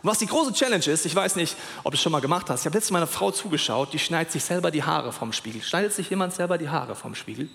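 A man preaching a sermon in an animated way, speaking straight to his listeners with questions. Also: fairly high pitch, fast talker, vocal fry, few pauses. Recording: long hall reverb.

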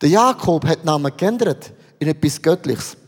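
A man's voice: fairly high pitch, animated, moderate pace, big-room sound. A man with a Swiss German accent preaching a sermon to a congregation, asking many rhetorical questions. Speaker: pastor.

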